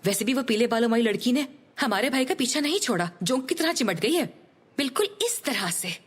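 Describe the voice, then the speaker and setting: A woman's voice: fairly high pitch, animated, fairly quick, slightly rough. A woman dubbing a scheming, housebound older sister who bosses her sibling in an insistent, persuasive way. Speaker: elder sister. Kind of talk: dubbed TV drama.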